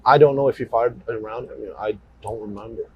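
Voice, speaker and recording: A man, a police officer, giving a rushed and emotional account to investigators in a recorded interview, talking fast and close to tears. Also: medium pitch, fairly even intonation, lo-fi sound, a little hiss or hum. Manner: fast-talking, breathless and shaken.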